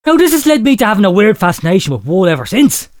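A man's voice: high voice, quick pace, no room sound, clean studio sound. A man hosting a comedy podcast, reading out a listener letter with mock drama and frequent laughter. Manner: laughs often while reading, lively mock storytelling. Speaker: podcast host.

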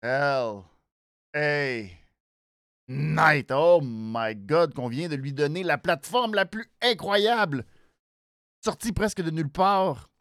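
A host with a nasal voice and a Quebec French accent gives a casual show recap, halting and repeating words for emphasis. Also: mid-range voice, no echo, clean studio sound. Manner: animated, hesitant, halting phrases with repeats for emphasis. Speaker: wrestling show review host.

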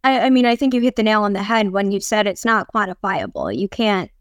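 Podcast guest, woman; earnest, encouraging, measured delivery with a smooth tone. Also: mid-range voice, animated, no room sound. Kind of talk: casual chat.

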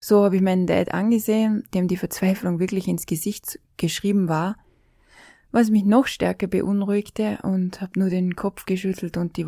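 A middle-aged woman with an Austrian accent recounts an emotional personal experience. Her voice sits low and warm, and she often sinks into a whisper. The sound is close and dry, with no room echo. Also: vocal fry. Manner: intimate, often sinking to a whisper. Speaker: storyteller.

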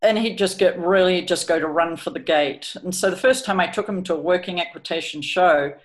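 Fairly quick and fairly low-pitched, this middle-aged New Zealand woman is a horse trainer. Talking hesitantly over a training video, she explains the work and shares stories about her horse.

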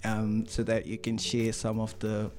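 A man's voice: fairly low pitch, a little slow, faint music behind. Easygoing male podcast host. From Africa. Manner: relaxed, with fillers and short affirmations. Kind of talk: casual podcast interview.

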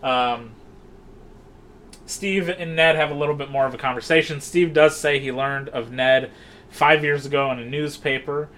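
Bright-voiced man chatting about a film. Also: medium pitch, fairly even intonation, moderate pace, slight background noise. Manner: retells scenes step by step, acting out quoted lines. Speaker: podcast co-host. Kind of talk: casual film discussion.

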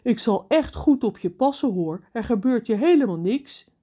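A woman reading a gentle, reassuring giant. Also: fairly high pitch, moderate pace, breathy edge, pitched above the performer's own voice. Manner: calm and reassuring. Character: big, gentle, kindly male giant.

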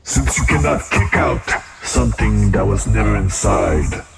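A man's voice: on the low side, expressive, a little slow, heavily acted. An actor playing a boastful, pompous male demon lord of hell who makes grand, self-important proclamations. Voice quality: gravelly. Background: music.

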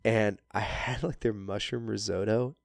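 A man's voice: on the low side, steady tone, a little slow, creaky, dry recording, clean studio sound. A man chatting casually as a podcast guest, breathing through his mouth with a blocked nose, joking dryly at his own expense. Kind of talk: casual chat.

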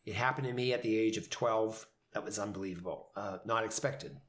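A man's voice: lowish voice, fairly quick. A man who directs community theater, talking casually in a podcast about coaching new actors, with many fillers and restarts. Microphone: headphones and studio mic.

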